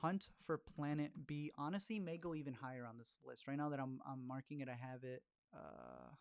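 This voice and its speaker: A man's voice: mid-range voice, sing-song, moderate pace, smooth, no room sound. A man casually chatting through film reviews as a podcast host, rambling along with fillers and restarts.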